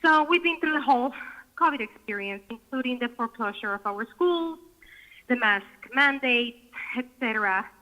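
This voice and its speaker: A woman's voice: a little high, lively intonation, normal speed, sharp tone. A woman, a parent giving an indignant public comment at a school board meeting, heard over a speakerphone. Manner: indignant, confrontational. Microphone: phone. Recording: muffled phone line on speakerphone.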